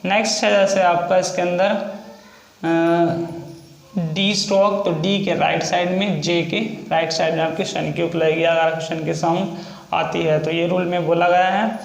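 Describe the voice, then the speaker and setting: A man teaching a shorthand lesson, explaining rules step by step and drawing out each example word slowly as he repeats it. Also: sits high, level tone, vocal fry, echoey room, low-quality recording. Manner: slow, drawn-out repetition of example words.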